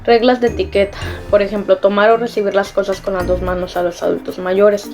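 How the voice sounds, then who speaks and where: A woman's voice: medium pitch, flat delivery, a little fast, over music. A young Mexican woman chatting casually in a vlog, filling her talk with "este" and laughing at herself. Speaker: vlogger. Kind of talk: casual vlog explaining customs.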